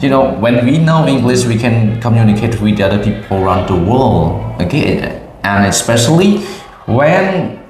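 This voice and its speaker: A young woman teacher from Cambodia speaks English with a Khmer accent, her voice very low yet lively and rising and falling as she talks. She patiently repeats each answer back and praises often. The sound bounces around an echoey room. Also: measured pace, slight background noise. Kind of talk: classroom question-and-answer with a child.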